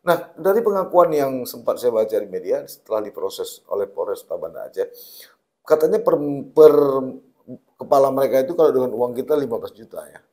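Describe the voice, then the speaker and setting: A man's voice: mid-range voice, big pitch swings, brisk, darkish tone. A man interviewing a guest in conversation, probing with questions and thinking aloud with fillers.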